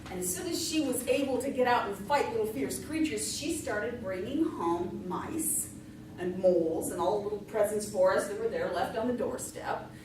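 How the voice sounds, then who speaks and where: A woman's voice: medium pitch, moderate pace. A middle-aged woman telling a folksy tall tale live, in a conversational, tongue-in-cheek way. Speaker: storyteller in a tall tales contest. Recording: echoey room from far off, noisy.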